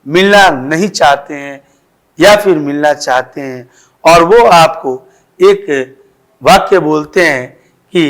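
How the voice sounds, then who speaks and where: A man's voice: fairly high pitch, fairly bright tone. A male teacher explaining grammar to schoolchildren, repeating examples with emphasis.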